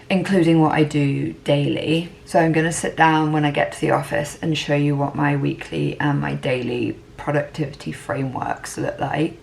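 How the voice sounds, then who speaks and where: A woman in her late twenties from Scotland, chatting casually and warmly to viewers in a day-in-the-life vlog, recorded at home. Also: low voice, vocal fry, a little hiss or hum. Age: late 20s. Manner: chatty, friendly, talks straight to viewers. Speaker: lifestyle vlogger.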